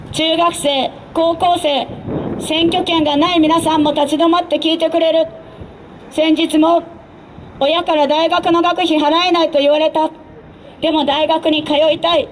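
A woman election candidate delivering an emphatic street campaign speech through a handheld microphone, in deliberate phrases with direct appeals. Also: extremely high pitch, flat delivery, rough recording. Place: outdoor urban street rally stage. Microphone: handheld mic over PA, filmed from a distance. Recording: faint outdoor street noise.

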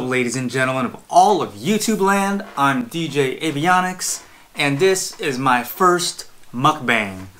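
A man's voice: mid-range voice, bright, forceful tone. A man from Illinois hosting a casual eating vlog in an upbeat, chatty way. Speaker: vlogger. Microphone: external mic close to camera.

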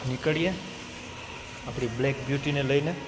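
A man's voice: medium pitch, steady tone, normal speed, background noise. A young man, vlogging his family life in a chatty, teasing way on a handheld phone camera. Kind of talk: casual vlog narration.

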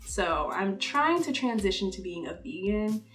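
Sitting in front of a purple backdrop in an indoor room, this YouTuber in her twenties talks casually to camera for a get-to-know-me vlog, chatty, upbeat, and leaning on "like" a lot. Her medium-pitched voice is animated yet unhurried and fairly bright, and she sounds far from the mic.

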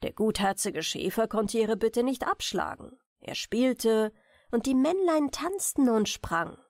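A woman storyteller narrating a German fairy tale in a measured, expressive bedtime manner. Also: fairly high pitch, no echo, studio quality.

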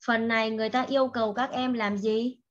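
A woman teaching an English lesson to young children, speaking slowly and patiently and repeating each word for the class to echo. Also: fairly high pitch, steady tone, dull audio. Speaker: primary school English teacher.

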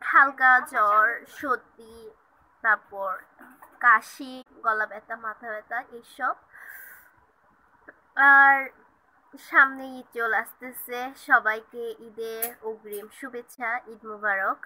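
A woman vlogger with a cold and a cracked, hoarse voice, talking softly and casually to her viewers. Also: steady tone, slow, long pauses, poor audio. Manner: soft, low-key talking between loud sung lines. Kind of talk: casual chat and singing along.

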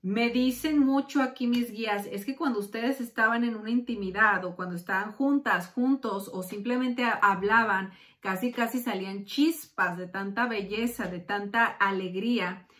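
A woman doing a tarot reading, chatting warmly, calling the listener "corazón" and acting out quotes with sudden jumps in pitch. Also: moderate pace, few pauses. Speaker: tarot reader.

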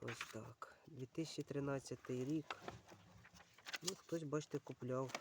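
A man's voice: mid-range voice, background noise. Man thinking aloud, addressing viewers as friends. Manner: unhurried, thinking aloud with many fillers. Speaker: book channel vlogger. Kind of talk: casual browsing commentary.

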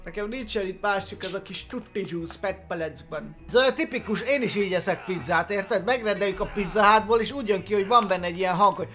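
A man riffing through a let's play as a gaming YouTuber, excitable and jokey, breaking into sudden loud outbursts. His voice is bright and forceful, with faint game music underneath. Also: sits high, few pauses.

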